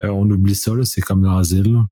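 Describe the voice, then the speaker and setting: A man with a Quebec French accent co-hosting a casual chat, feeling his way through his sentences a little haltingly. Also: sits low, fairly even intonation, mellow, dry recording. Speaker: podcast co-host.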